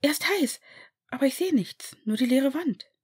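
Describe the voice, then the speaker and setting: A clever young witch with a keen, lifted voice, as a woman reads her. She sits above the storyteller's usual pitch in a plain audiobook telling. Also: lively intonation, normal speed, darkish tone. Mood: eager. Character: clever young female student witch, eager. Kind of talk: audiobook character reading.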